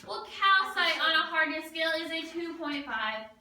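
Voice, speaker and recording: High bright woman tour guide in cave echo. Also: lively intonation, normal speed, recorded from a distance. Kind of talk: guided tour narration, semi-rehearsed. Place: inside a show cave. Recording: echoey cave, off-mic, faint noise.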